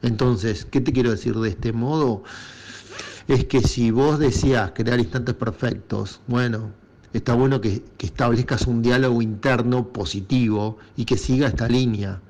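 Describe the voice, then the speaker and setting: A man's voice: medium pitch, unhurried, a little mellow. A man with an Argentine Rioplatense accent hosting a casual reflective monologue, speaking encouragingly straight to his listeners. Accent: Argentine Rioplatense Spanish.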